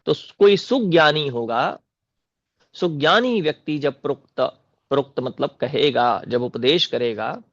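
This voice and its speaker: A man from North India, a spiritual teacher, gives a deliberate scripture commentary lecture and repeats Sanskrit words aloud as he explains them. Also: fairly high pitch, expressive, a bit bright, no room sound. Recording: dull, dry lo-fi recording.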